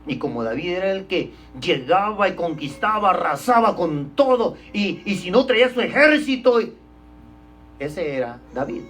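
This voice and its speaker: A male pastor preaching a sermon, stressing points loudly and then dropping to a hush, and often calling his listeners brother. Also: sits high, very animated, moderate pace, a little hiss or hum. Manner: emphatic preaching, swinging between loud stresses and hushed drops; keeps addressing listeners as brother.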